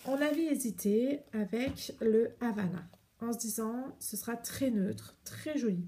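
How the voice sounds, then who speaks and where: A French woman hosts a knitting podcast, showing her yarn to the camera as she chats casually. Her medium-pitched voice is warm with some vocal fry, and she rambles with many hesitations.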